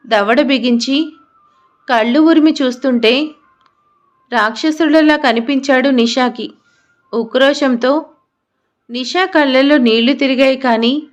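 A woman narrates a drama story with expressive delivery. Her voice sits slightly high.

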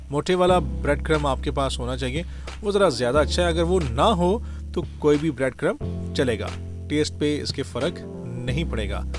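Guy chef doing a recipe voiceover, friendly step by step, kinda high voice, guitar music behind. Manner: friendly, step-by-step, keeps saying "perfect". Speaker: cooking show host, chef. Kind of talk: voice-over recipe instruction.

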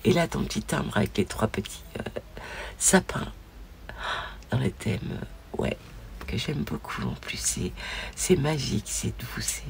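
A woman vlogger opening crafted mail, gushing over each piece and often dropping to a soft whisper. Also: a bass voice, big pitch swings, unhurried, creaky, pauses often, slight background noise. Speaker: scrapbooking vlogger. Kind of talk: casual mail-opening vlog.

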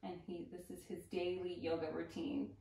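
A woman yoga instructor giving casual, explanatory commentary with gentle cautions. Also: lowish voice, level tone, normal speed, gravelly, roomy sound, poor audio. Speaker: yoga instructor reacting to videos.

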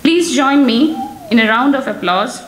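Casting note: female emcee with a high voice, formal announcer, echoey hall sound. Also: unhurried, fairly bright tone, slight background noise. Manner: formal, announcing names and titles. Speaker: ceremony emcee. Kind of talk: formal introductions. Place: ceremony hall.

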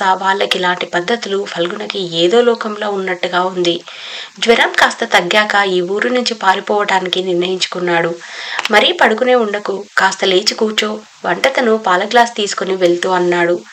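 A woman narrating a novel as an audiobook, with steady, even storytelling. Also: medium pitch, rough recording.

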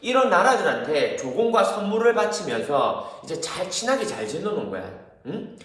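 A man's voice: high-pitched, big pitch swings, normal speed, fairly bright tone. A male history teacher lecturing students, asking questions and then answering them himself. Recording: very echoey room, mic far off.

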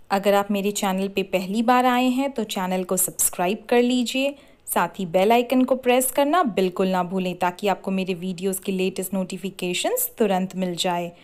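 A woman hosting a cooking channel, giving clear step-by-step recipe instructions in a scripted voice-over. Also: medium pitch. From India.

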